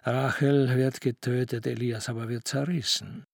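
A volatile, jealous young husband, read by a man, rages and broods in a gravelly voice. The sound is dry and close. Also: mid-range voice, fairly even intonation, moderate pace, no room sound. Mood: vengeful. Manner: raging, then brooding.

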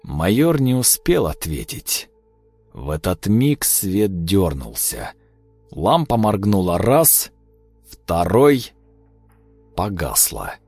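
A man narrating an audiobook in a measured, dramatic storytelling manner. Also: deep voice, wildly swooping pitch, gravelly, a little mellow, slightly rough, dry recording, faint music behind.

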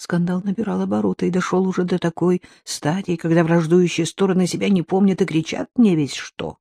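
A woman narrating an audiobook in a calm, even storytelling manner. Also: fairly low pitch, a little fast, gravelly, husky, no echo, clean studio sound. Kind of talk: scripted narration.

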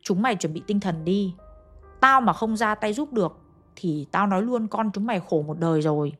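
A woman's voice: medium pitch, normal speed, a bit bright, soft background music, natural voice. A woman voicing a stern old male village shaman who scolds bluntly. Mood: grim.

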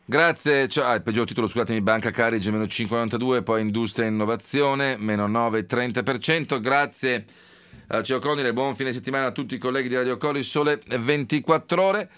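A male radio host running a live economics show, reeling off stock market figures briskly with frequent fillers, in a studio. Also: medium pitch, fairly bright tone, clean tone, dry recording. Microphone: studio mic.

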